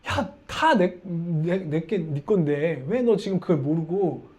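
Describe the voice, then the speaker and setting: A man voicing God as a patient father who gently questions and warns during a sermon. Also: a little high, animated, takes it slowly. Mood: warning.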